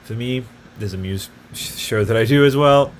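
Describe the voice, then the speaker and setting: A man's voice: mid-range voice, moderate pace, a little hiss or hum. A man hosting his own podcast, talking casually and enthusiastically, full of fillers and tangents. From grew up partly in Italy. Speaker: podcast host. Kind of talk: casual solo podcast talk.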